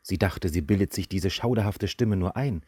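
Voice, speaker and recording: A man narrating a fairy-tale audio story in an expressive storybook manner. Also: deep voice, normal speed.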